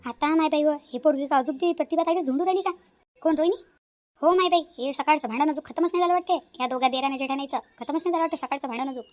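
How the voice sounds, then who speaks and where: Lady doing a gossipy village housewife in a cartoon, high voice chattering on. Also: fast talker, a little mellow, soft background music, close to an everyday voice. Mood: gossiping. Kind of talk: cartoon voice acting.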